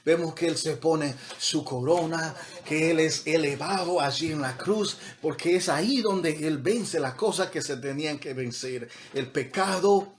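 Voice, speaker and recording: A man's voice: fairly high pitch, measured pace, few pauses. A man preaching a sermon as pastor, talking conversationally with repeated words and building to emphatic peaks, mixing in English words.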